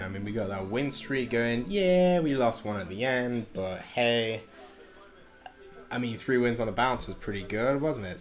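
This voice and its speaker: A man's voice: fairly low pitch, fairly bright tone. A young man giving casual commentary over a card game he is playing at home, chatty and self-deprecating, with plenty of ums and restarts. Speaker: gaming channel host. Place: home room. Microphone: desk microphone.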